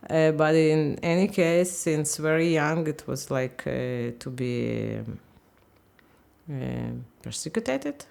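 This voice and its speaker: A woman in her fifties from Ukraine, speaking English, talks haltingly in a candid interview and often searches for words. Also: low voice, lively intonation, gravelly, a little mellow, smooth. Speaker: interviewee, language teacher.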